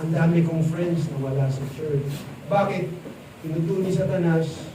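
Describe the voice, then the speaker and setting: High-voiced animated male preacher, echoey hall. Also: measured pace. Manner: animated, quizzes the crowd, mixes English. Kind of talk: lively sermon with audience questions. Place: church event hall. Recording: echoey hall, distant mic, noisy.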